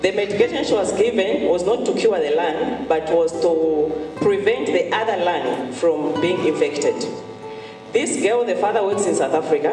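Earnest woman testifying in echoey hall. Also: lowish voice. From Zambia. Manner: earnest, repeats key phrases for emphasis. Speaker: testifying church member. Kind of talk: church testimony. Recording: echoey hall, far from mic, music behind. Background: music.

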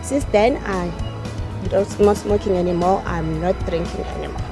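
A woman's voice: mid-range voice, moderate pace, dark tone, soft background music. A woman with a South African accent giving a fervent testimony in an interview. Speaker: church visitor giving testimony.

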